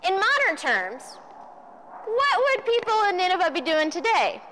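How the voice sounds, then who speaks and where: Animated high-voiced woman preaching. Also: normal speed, very noisy. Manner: animated, playful retelling with audience questions. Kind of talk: lively sermon to a group. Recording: reverberant hall.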